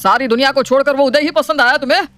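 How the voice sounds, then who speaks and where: A woman voicing a strict, proud, wealthy middle-aged father in an animated storybook, scolding and commanding. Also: high-pitched, fast. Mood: stern.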